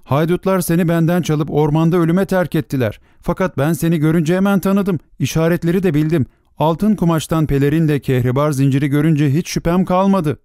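A man's voice: fairly high pitch, a little fast, mellow, no echo, clean studio sound, natural voice. An actor voicing a grieving beggar woman who pleads and laments as a mother searching for her lost son in a fairy tale. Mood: pleading.

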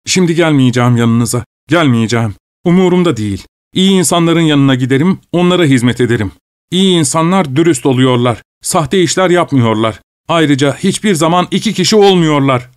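Man voicing a drunk male servant, stubborn, higher-pitched, insolent, repetitive, dry sound. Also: expressive, brisk, smooth, no room sound, natural voice. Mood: defiant.

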